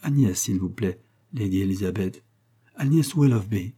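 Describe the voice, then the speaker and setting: A man voicing a shy, earnest young woman who speaks softly. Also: fairly low pitch, normal speed, husky. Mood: moved.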